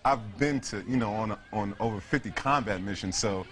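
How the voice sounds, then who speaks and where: Male veteran as interview guest, lowish voice, earnest, halting and repetitive conversational answers. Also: a bit bright. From United States, New York City. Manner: earnest, repeats himself, frequent "you know".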